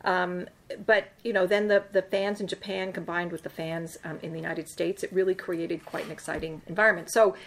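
Gravelly older woman, rambling wryly. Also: on the low side, steady tone, brisk. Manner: rambling, full of ums and restarts, wry. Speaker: sports agent interviewed about past deals. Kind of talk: conversational interview storytelling.

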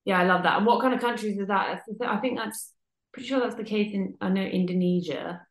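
A woman's voice: mid-range voice, fast, reverberant. A woman hosting a podcast, asking a guest questions in a friendly, conversational way. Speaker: podcast host. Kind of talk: interviewing a guest.

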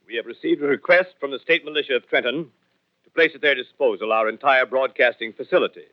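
A man's voice: medium pitch, fast talker, natural voice. A man playing a stiff radio executive reading a formal statement in a 1930s radio drama. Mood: solemn, official. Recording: dull old radio recording.

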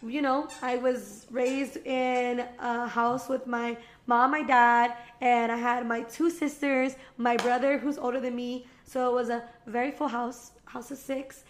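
A woman's voice: on the high side, fairly even intonation, unhurried, few pauses. A young woman from Las Vegas, a podcast guest, chatting casually and telling stories with frequent giggles. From Las Vegas, United States. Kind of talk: casual chat.

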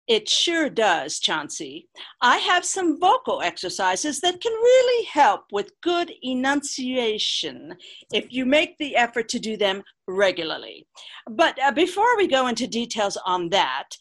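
A woman's voice: on the high side, wildly swooping pitch, a little slow, a bit bright, exaggerated voice. A woman playing a patient, mildly exasperated female vocal coach in a comedic radio sketch, hesitating with small fillers.

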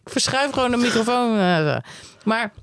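Woman, podcast co-host, casual chat, animated storyteller, laughs a lot, dry close sound. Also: on the high side, moderate pace, smooth, dry recording. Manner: lively, animated storyteller who laughs often.

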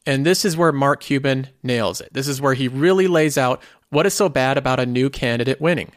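A man's voice: mid-range voice, brisk, dry recording, clean studio sound. A man hosting a finance video, explaining in scripted commentary and posing rhetorical questions.

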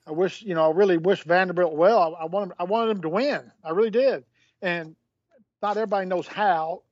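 Halting man on a muffled line. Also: sits high, darkish tone, no room sound. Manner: halting, repeats words, many fillers. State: hiccups. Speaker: guest, former sports executive. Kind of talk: candid phone interview.

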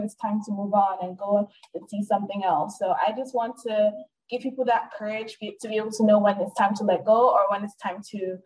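A woman's voice: mid-range voice, a little mellow, recorded from a distance, poor audio. A woman in her twenties from Nigeria, a podcast guest who talks in an earnest, reflective way with many fillers. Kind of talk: casual interview.

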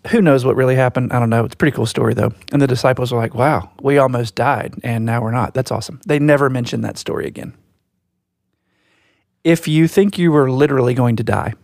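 A man co-hosting a podcast, talking in a reflective, storytelling way, slow and deliberate. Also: medium pitch, creaky, darkish tone, dry recording, clean studio sound. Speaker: podcast co-host. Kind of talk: casual podcast chat.

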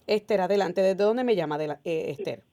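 A woman's voice: on the low side, fairly quick, warm tone. A woman hosting a call-in political talk radio show, speaking in an opinionated, emphatic way with frequent "eh" fillers.

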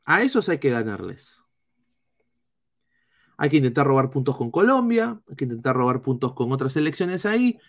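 Blunt Peruvian man talking football. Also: on the high side. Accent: Peruvian Spanish. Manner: blunt, swearing, halting restarts. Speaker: football streamer. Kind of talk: live football analysis, reading chat comments.

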